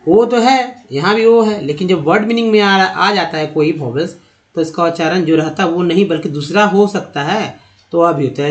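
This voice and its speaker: His voice sitting high, a man works through a slide lesson by asking questions and supplying his own answers. He says words slowly and repeatedly to show how they're pronounced.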